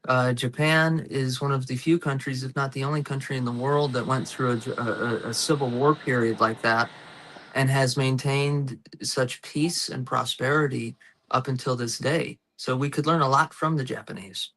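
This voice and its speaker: A man in his thirties hosts a casual talk show, his voice bright and forceful. He talks eagerly, drifting into nerdy history tangents full of ums and uhs. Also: medium pitch, steady tone, moderate pace, slight background noise. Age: 30s. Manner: eager, nerdy history digressions with many fillers. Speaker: host.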